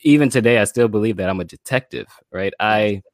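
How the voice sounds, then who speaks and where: A man from Florida speaks with a lowish voice in a dry, close recording. He talks as a guest in a relaxed, reflective way, often pausing on fillers. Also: dry recording. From Florida, USA. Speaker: podcast guest, filmmaker and brand strategist. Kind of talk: casual interview conversation.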